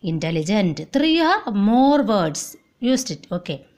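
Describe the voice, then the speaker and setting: A woman with an Indian English accent teaching an online vocabulary lesson, repeating words slowly and saying "okay, see" often. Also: medium pitch, sing-song, a little mellow.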